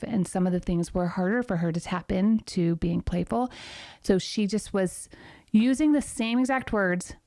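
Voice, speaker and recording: A woman's voice: on the low side, gravelly, dry recording, clean studio sound. A woman guest, a parenting coach, chatting casually and telling stories about families she has worked with. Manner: storytelling, quotes others in lively voices. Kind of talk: casual conversation.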